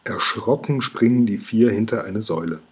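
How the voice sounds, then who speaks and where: Husky-voiced man reading a children's story. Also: lowish voice, moderate pace. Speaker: narrator. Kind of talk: reading a children's book aloud.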